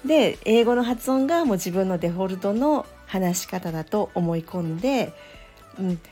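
A woman who teaches English pronunciation, talking alone on her podcast in a gentle, thoughtful way with many small fillers. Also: mid-range voice, expressive, normal speed, soft background music. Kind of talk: solo podcast talk.

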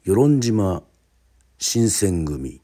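A man from Yoron Island in Japan hosts and narrates, introducing a radio drama in a formal, deliberate, announcer-like manner with pauses. His voice sits low and mellow, swinging widely in pitch.

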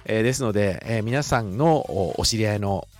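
A man from Shizuoka with a Shizuoka accent, hosting a solo podcast in a polite, chatty way full of filler pauses. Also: fairly low pitch, a little mellow, soft background music. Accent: Shizuoka Japanese. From Shizuoka, Japan. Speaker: podcast host. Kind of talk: casual solo podcast talk.

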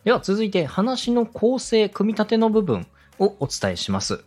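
A radio director and podcast host gives step-by-step coaching on presenting, speaking at normal speed with a slightly rough, husky tone and animated, wide-ranging pitch. He advises politely and methodically, demonstrating with sample phrases. Faint music sits in the background.

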